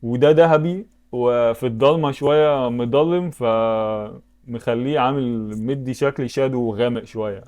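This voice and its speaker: Playing web games, this Egyptian-accented YouTuber keeps up casual commentary at a moderate pace. His medium-pitched voice has a darkish tone, and he mixes thinking out loud with abrupt exclamations.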